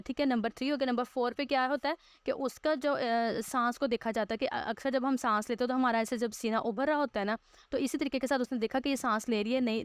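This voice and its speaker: A Pakistani woman teaching a school lesson, explaining slowly with fillers and repeating herself, mixing English textbook lines into her talk. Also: fairly high pitch, clean tone, no room sound.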